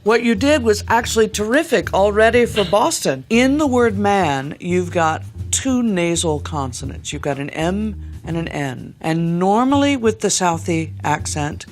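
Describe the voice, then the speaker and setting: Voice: medium pitch, lively intonation, moderate pace, hardly any pauses, soft background music. A dialect coach giving articulate instruction, stretching out sounds to demonstrate them.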